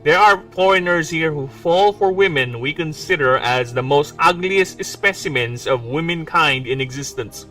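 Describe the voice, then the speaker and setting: A man from the Philippines chats casually on a livestream, joking and wandering off on asides in a mixed English accent. His voice is bright and sits a bit high. He sounds set back from the mic, with faint music playing underneath. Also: normal speed, hardly any pauses, distant mic. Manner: joking, rambling, self-mocking asides. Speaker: indie game developer streaming. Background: faint background music.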